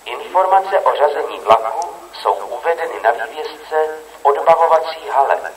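A man's voice: a little high, animated. Echoey, distant man making formal station announcement.

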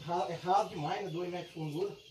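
A man hosting a fishing vlog, exclaiming loudly and excitedly outdoors by a pond. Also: high voice, fast, heavy background noise. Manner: loud excitable exclamations, cheering at the catch. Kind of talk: excited live fishing commentary.

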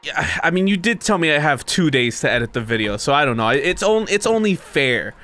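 A man's voice: fairly high pitch, sing-song, a little fast, pushed and bright. A young man hosting a gaming stream, chatting casually with a friend, teasing him and laughing often. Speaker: streamer host.

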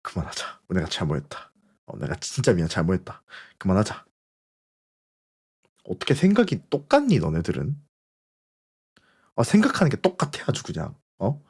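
Man, live streamer, casual chat, teasing banter, rapid repeated apologies, very lively pitch. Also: creaky, breathy edge. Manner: playful mock-threatening banter, repeated apologies; fast repetitive interjections.

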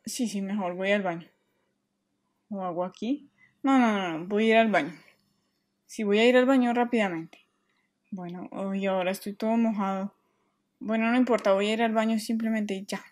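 A woman's voice: mid-range voice, normal speed, pauses often, darkish tone, natural voice. A woman voicing a restless, mischievous boy who complains dramatically, in a children's toy play story. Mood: playful.

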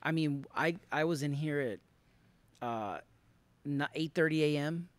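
Male podcast host, higher voice. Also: unhurried. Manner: affirming, asks thoughtful questions. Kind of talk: casual interview chat. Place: podcast studio, indoors. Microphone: studio mic with headphones.

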